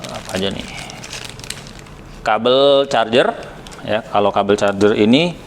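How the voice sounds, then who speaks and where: An Indonesian man reviewing products for a helmet shop speaks at a measured pace in a fairly low voice, with a little hiss or hum on the recording. His review is informal and conversational, with hesitations and the occasional English word.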